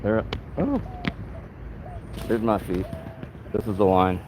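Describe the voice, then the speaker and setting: A man's voice: fairly low pitch, sing-song, takes it slowly, a little mellow, a little hiss or hum, low-quality recording. A man narrating live as he films police on a city sidewalk, his talk indignant and rambling, recorded on a handheld phone outdoors. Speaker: activist filming police. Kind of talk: live narration while filming. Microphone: handheld phone camera.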